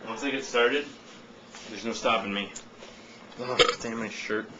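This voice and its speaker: A man's voice: lowish voice, fairly even intonation, measured pace. A man chatting casually and jokingly, with mock boasts. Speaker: burping contest vlogger. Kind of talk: casual chat. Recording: dull lo-fi audio, loud background noise.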